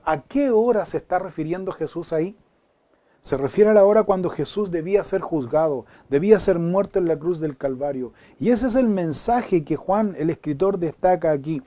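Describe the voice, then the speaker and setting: A man's voice: high voice, mellow. A male pastor giving a Bible study sermon, earnest and full of repeated rhetorical questions.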